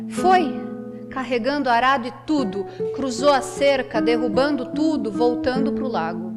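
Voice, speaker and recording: A woman telling a folk tale aloud with expressive delivery, dramatic pauses and a shifting pace. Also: high voice, in a large hall. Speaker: storyteller. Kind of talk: oral folk-tale storytelling.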